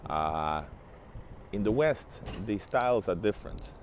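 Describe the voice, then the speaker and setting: A tired man in his thirties, from Latvia and Finland, live-streams as a travel vlogger while walking a city street beside a large building, with a wired earbud headset and his phone at arm's length. His lowish, expressive voice keeps a measured pace over slight background noise. He rambles casually, restarts often, and talks back to chat as he answers viewers.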